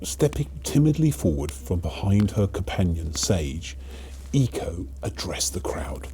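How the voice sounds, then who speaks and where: A man playing a kindly old Father Christmas, gently narrating a storybook to children. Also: low-pitched, sing-song, unhurried, slight background noise. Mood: gentle storytelling.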